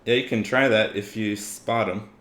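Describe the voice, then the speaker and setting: A man's voice: fairly low pitch, steady tone, moderate pace, fairly bright tone. A man acting as game master, narrating a tabletop fantasy game casually. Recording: roomy, echoing room.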